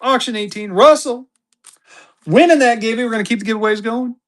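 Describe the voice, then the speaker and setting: A weary man hosts a banknote auction live on stream, firing off bid hype in quick bursts and calling himself by the third person. His voice is very high-pitched and a bit bright.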